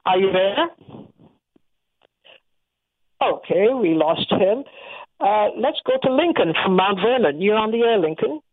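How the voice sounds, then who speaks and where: Smooth radio host lady taking callers, dry close sound, thin phone-like audio. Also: mid-range voice, expressive, normal speed, dry recording. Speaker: radio call-in show host. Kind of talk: call-in radio talk.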